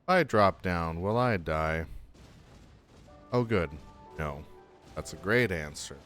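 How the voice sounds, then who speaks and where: A man's voice: low voice, lively intonation, slow, a bit bright, faint music behind. A young adult man streaming a game, chatting casually and upbeat, laughing easily as he talks to his viewers. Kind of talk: casual live game commentary.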